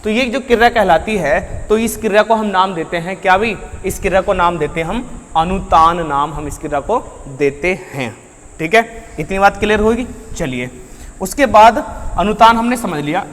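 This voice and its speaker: Male teacher with a high voice lecturing a class and quizzing students as he goes, in a room with a long echo. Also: a bit bright. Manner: asks students questions and answers them himself; addresses students as beta and bhaiya. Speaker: Hindi grammar teacher.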